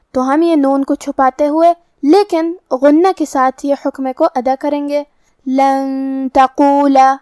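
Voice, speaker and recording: A woman teaching Quran recitation, explaining the rules step by step in a calm, methodical way. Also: sits high, no echo, clean studio sound. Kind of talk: recorded tajweed lesson.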